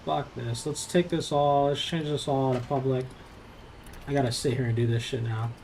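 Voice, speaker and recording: A man's voice: mid-range voice, steady tone, normal speed, creaky, darkish tone, slight background noise. A man streaming a game, chatting casually and thinking aloud with offhand swearing. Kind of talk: casual gaming stream chat.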